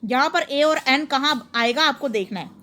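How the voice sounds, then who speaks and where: A woman teacher, patiently explaining worksheet answers step by step and reading sentences slowly. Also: high voice, lively intonation, sharp tone, slight background noise. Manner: patient, explains each example step by step, reads English slowly.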